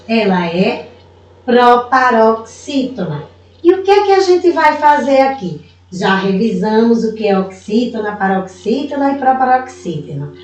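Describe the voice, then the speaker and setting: Brazilian lady teacher talking slow to little kids, drawing out syllables, really echoey room, mic kinda far. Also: a little high, slight background noise. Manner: slow, patient, stretches out words and syllables; calls herself auntie, speaks warmly to young pupils. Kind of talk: recorded video lesson for children. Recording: roomy echo, voice away from the mic.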